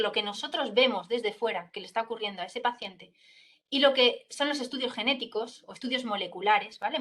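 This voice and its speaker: A woman's voice: fairly high pitch, a bit bright. A woman doctor explaining a topic to students step by step, checking in often with her listeners. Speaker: pediatric neurologist giving a talk to students. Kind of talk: explanatory school talk.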